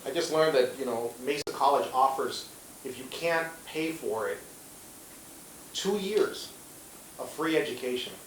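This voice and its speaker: A man's voice: mid-range voice, animated, a little slow, long pauses, fairly bright tone. A man speaking on a career panel as a police officer, talking earnestly with many "you know" fillers and restarts. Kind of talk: panel answer, earnest and conversational. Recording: roomy echo, distant mic, faint hiss.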